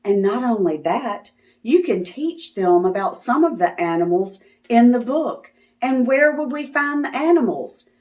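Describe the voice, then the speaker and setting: In a slightly high, darkish, expressive voice, unhurried, a woman reads a picture book to young children. She hosts children's videos and reads in a sing-song, teacherly way, questioning them and affirming their answers.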